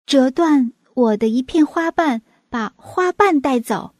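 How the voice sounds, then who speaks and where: Woman doing a brave little flower, soft and earnest. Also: a little high, expressive, unhurried, breathy edge, dry recording, studio quality. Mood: determined. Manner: earnest, pleading. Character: brave, gentle young female flower.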